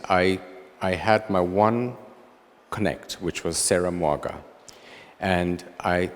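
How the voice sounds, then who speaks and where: Deep-voiced reflective man in a lecture hall. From Tanzania. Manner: reflective, unhurried, with frequent ums and restarts. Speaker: guest lecturer, photographer. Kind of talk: answering audience questions at a lecture.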